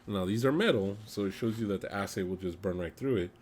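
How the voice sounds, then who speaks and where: Low-voiced man recapping a comic casually. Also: fast, a little mellow, a little hiss or hum. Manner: rambling retelling with many ums and uhs. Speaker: podcast host.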